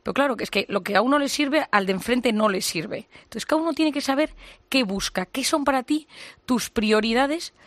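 A woman talks it through as a psychologist, her voice sitting fairly high. She leans on everyday examples and acts out short quotes. The sound is dry and close, with no room around it. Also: moderate pace, a bit bright, no echo. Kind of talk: radio-style conversation.

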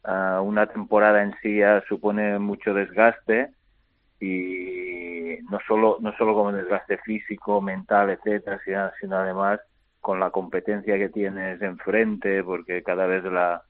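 A middle-aged man, a retired basketball player, answering interview questions by phone in a halting way, repeating words and filling pauses. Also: sits low, little pitch movement, dry recording. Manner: halting, repeats words often, many fillers. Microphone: telephone. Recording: tinny phone line.

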